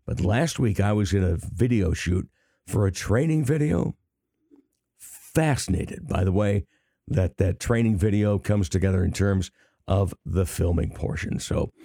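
A man in his sixties with a raspy, gravelly voice, hosting a podcast in a conversational style. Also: fairly low pitch, warm tone, no echo, clean studio sound. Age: 60s. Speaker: podcast host.

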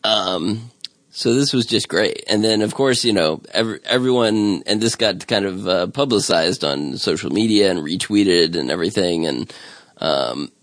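A man's voice: sits low, lively intonation, measured pace, a bit bright, no room sound. A man hosting a casual podcast chat, talking in a rambling, amused way with many restarts. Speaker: podcast host.

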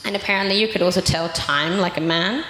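A woman lecturing in a measured, explanatory manner in an echoey room. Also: lowish voice, pushed and bright, slight background noise. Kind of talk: presentation talk.

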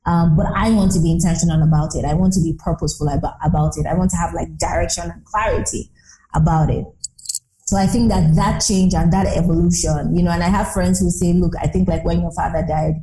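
Speaking a little fast in a lowish, dark voice with a level tone, this woman in her thirties is an interview guest. She reflects earnestly and emphatically, building her points through repetition. The room audibly echoes.

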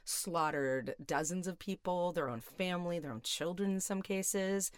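A woman's voice: on the low side, a little slow, smooth, no echo, clean studio sound. A middle-aged woman speaking as an expert guest, explaining things conversationally in an interview. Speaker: guest expert, criminal psychologist.

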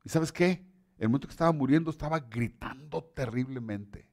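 A man's voice: medium pitch, fairly quick, gravelly, darkish tone. A male preacher giving an emphatic sermon who often repeats words and restarts his sentences.

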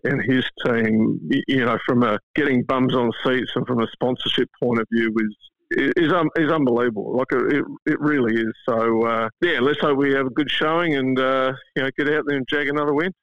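A man with an Australian accent chatting casually about sport as a guest pundit, in a halting way with many "you knows". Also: medium pitch, no echo. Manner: halting, full of "you know". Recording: dull, band-limited radio-like sound.

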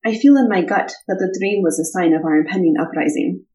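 An earnest young Vistani woman with a put-on accent, played by a woman at a tabletop game. She speaks formally and deliberately, with a lively pitch that rises and falls. She sounds homesick yet determined. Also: close to an everyday voice, poor audio.

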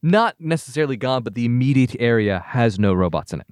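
Casting: male game master, expressive and lively delivery, dry studio sound. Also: mid-range voice, fast talker, clear, resonant tone, dry recording. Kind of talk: narrating a tabletop game.

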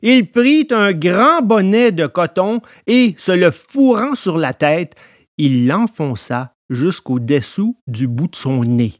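A man narrating a storybook in an expressive telling voice. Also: high voice, slow pace, no echo, lo-fi sound.

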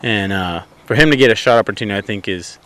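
Young man with lowish voice, campfire storytelling. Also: quick pace, fairly bright tone. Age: young adult. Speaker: podcast guest. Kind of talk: casual storytelling. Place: outdoors by a campfire.

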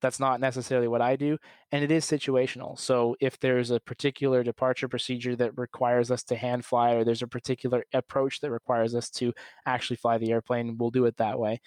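A young man, an airline pilot, calmly and methodically explaining his work in an interview. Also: mid-range voice, a little fast, dry recording. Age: young adult. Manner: calm, methodical, plain explaining. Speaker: commercial airline pilot, podcast guest.

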